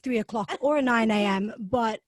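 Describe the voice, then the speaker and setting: Joking woman co-host, slightly high voice, dry close recording. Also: normal speed, no room sound. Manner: chatty, joking, self-deprecating. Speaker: podcast co-host. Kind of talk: casual chat.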